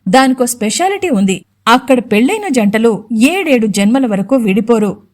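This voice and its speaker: A woman's voice: on the high side, lively intonation, moderate pace, a little mellow. A woman voicing a young male CEO, a stern and protective husband who speaks firmly and curtly in a Telugu audio story. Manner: firm, curt, commanding.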